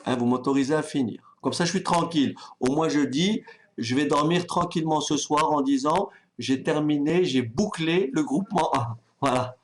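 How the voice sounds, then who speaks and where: A man teaching a maths lesson, calm and patient, thinking aloud as he writes and often checking that his students follow. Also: a little high, moderate pace. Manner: talks directly to students, checks they follow. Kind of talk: online exam-prep lesson.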